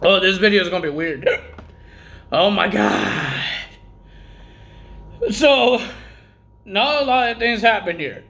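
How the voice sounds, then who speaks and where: A man's voice: high voice, animated, unhurried, gravelly, pauses often, fairly bright tone. A man recapping wrestling results in a casual vlog, rambling and correcting himself while he has the hiccups.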